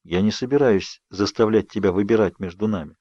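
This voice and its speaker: A man voicing Edward, a sorrowful ageless vampire who speaks softly and with resignation, in an audiobook. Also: on the low side, fairly quick, no echo, close to an everyday voice. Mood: gentle. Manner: soft, murmured, resigned. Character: sorrowful ageless vampire youth, gentle and restrained. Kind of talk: audiobook character reading. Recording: dry, slightly dull studio read.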